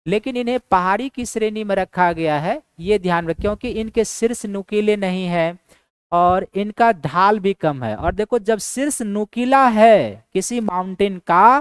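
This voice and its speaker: A woman teaching a geography class in a smooth, resonant voice at an ordinary middle pitch. She keeps posing questions to her students and answering them herself, and repeats the key points. The sound is dry and close. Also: dry recording. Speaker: geography teacher for exam prep. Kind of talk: classroom lecture.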